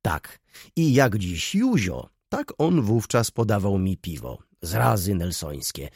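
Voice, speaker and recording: A man voicing a gray-haired elderly councillor who mutters slowly and dismissively, with a husky voice. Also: lowish voice, very animated, a little mellow, no room sound, studio quality, full character voice. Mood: reminiscing. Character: gray-haired elderly male councillor, grumbling beer drinker.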